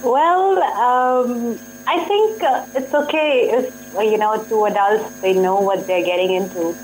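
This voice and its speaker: A woman's voice: a little high, unhurried, a little hiss or hum, low-quality recording. A woman with an Indian accent offering casual advice as a co-host, reflective and a little hesitant.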